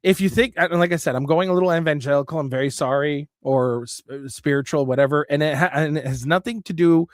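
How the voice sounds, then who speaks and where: A man's voice: on the high side, quick pace, hardly any pauses, dry recording, clean studio sound. A man hosting his own show, talking through a subject in an earnest, rambling monologue full of restarts. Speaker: show host. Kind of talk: spoken monologue.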